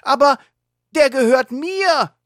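A woman's voice: medium pitch, big pitch swings, unhurried, no room sound, studio quality, voice pushed up. A woman voicing an earnest young boy superhero who sounds indignant.

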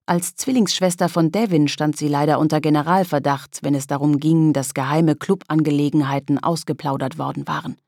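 A woman narrating a children's audiobook with lively storytelling. Her voice sits low and slightly husky, recorded dry and close. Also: a little fast, few pauses, no room sound.

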